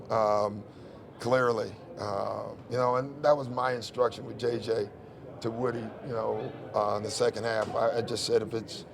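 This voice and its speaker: A man's voice: medium pitch, creaky. A man who coaches a team, answering reporters at a postgame press conference in a candid, conversational way, often saying "you know" and "listen". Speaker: head coach.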